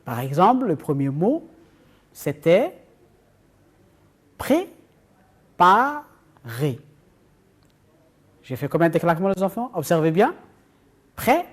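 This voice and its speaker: A man's voice: on the high side, big pitch swings, normal speed, darkish tone, husky. A male teacher giving a lesson to young children, speaking patiently and repeating words in a sing-song way. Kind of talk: children's lesson on syllables and a nursery rhyme.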